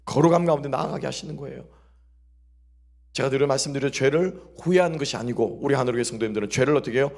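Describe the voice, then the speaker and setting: A male pastor, preaching a sermon that keeps asking the congregation questions and drops into soft, quiet asides. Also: medium pitch, quick pace, vocal fry. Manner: call-and-response questioning of the congregation. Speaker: senior pastor.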